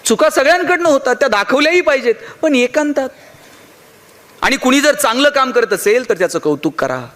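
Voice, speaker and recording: High-voiced Marathi motivational speaker. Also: male voice, expressive, fairly quick, a bit bright. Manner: storytelling with acted dialogue and humor. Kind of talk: motivational speech.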